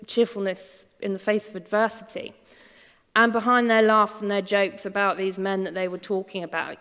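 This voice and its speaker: A woman's voice: mid-range voice, a bit bright. A woman giving a candid, chatty talk about her own story, with many fillers and restarts. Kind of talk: personal story talk to an audience. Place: large lecture hall. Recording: long hall reverb.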